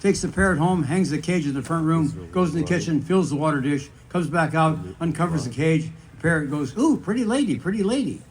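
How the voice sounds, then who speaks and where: Higher-voiced old man telling deadpan jokes. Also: poor audio. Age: 80s. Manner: deadpan storyteller, brisk setups, dry punchlines. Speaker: comedian. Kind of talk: stand-up joke telling. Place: stage at a live variety show.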